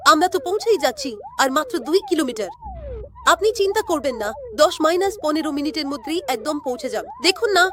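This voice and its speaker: A woman voicing a hurried male ambulance driver in a doll story, who talks politely and keeps apologizing. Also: very high-pitched, a bit bright, slight background noise, full character voice.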